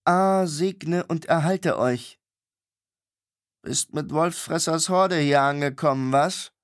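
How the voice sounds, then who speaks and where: A male audiobook reader voicing a grubby, gruff middle-aged tavern keeper who talks bluntly in coarse slang. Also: on the high side, slow, voice pushed up.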